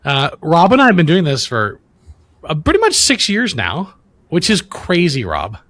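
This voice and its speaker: A man's voice: fairly high pitch, wildly swooping pitch, normal speed, fairly bright tone. A man, co-hosting a casual podcast interview in a chatty, friendly way with many restarts. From Louisiana, US. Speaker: podcast co-host.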